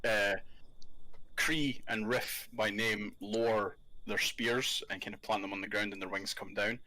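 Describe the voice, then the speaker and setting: A man's voice: on the low side, fairly even intonation, unhurried, sharp tone, no room sound, rough recording. A man narrating as game master in a casual, swearing, giggly way over a voice call.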